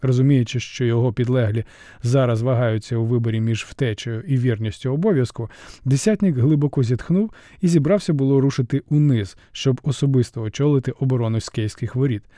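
A man reading a story as an audiobook narrator, with steady, dryly ironic storytelling. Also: medium pitch, fairly quick, dry recording, studio quality. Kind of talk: scripted narration.

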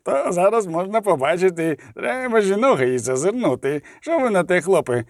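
Man doing a fat, leering, taunting mercenary; loud, lively. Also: high voice, fairly quick, dry recording, studio quality, pitched above the performer's own voice. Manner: coarse, leering.

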